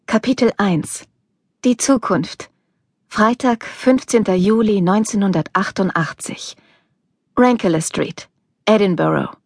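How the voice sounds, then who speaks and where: A woman narrates an audiobook in a measured, even manner. Her mid-pitched voice is recorded close and completely dry. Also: dry recording. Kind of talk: scripted narration.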